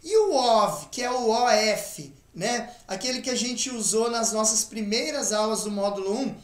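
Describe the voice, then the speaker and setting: A woman's voice: fairly high pitch, moderate pace, roomy sound. A woman with a Brazilian Portuguese accent teaching an online English lesson. She explains patiently, step by step, and often checks that the learner is following.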